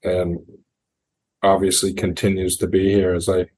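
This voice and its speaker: Low-pitched and unhurried, this man speaks with a completely flat delivery that is a little mellow and slightly rough. He's a middle-aged New Hampshire golf coach guesting on a podcast, rambling through anecdotes and performing the quoted lines as he goes.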